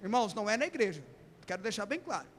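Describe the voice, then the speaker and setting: A man preaching a sermon as a bishop, impassioned and often shouting in a church hall. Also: sits high, very animated, very fast, a little hiss or hum. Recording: long hall reverb.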